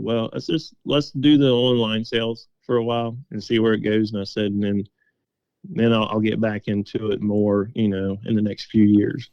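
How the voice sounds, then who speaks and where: The recording is muffled, though there's no room sound. A middle-aged game call maker, speaking in a smooth, low, darkish voice, tells casual, folksy stories during an interview, recounting what people said as back-and-forth dialogue.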